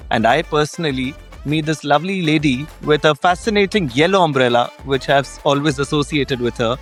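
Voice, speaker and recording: A man hosting a podcast interview, introducing his guest with effusive, welcoming praise. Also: on the high side. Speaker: podcast host.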